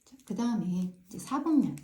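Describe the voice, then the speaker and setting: A woman's voice: mid-range voice, lively intonation, moderate pace, mellow. A woman math teacher explaining step by step in a casual classroom manner, often asking "right?" to check understanding. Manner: frequent tag questions checking understanding; repeats filler "ja" to pace steps.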